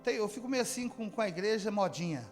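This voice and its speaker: A man from preaching a sermon as pastor, calling out to the congregation and swinging from shouting to near-whispering. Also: sits high, lively intonation, fast, soft background music. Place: church service.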